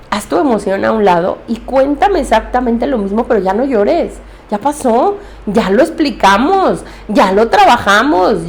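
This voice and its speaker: A woman's voice: medium pitch, darkish tone. A woman therapist, giving earnest, direct advice on handling emotions.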